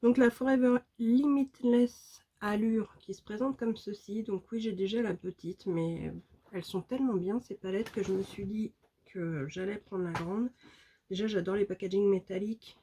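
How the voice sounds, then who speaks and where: A woman's voice: medium pitch, steady tone, normal speed, mellow, breathy edge. A woman beauty vlogger chatting casually and enthusiastically to her viewers about makeup, with lots of fillers. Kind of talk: casual makeup vlog chat.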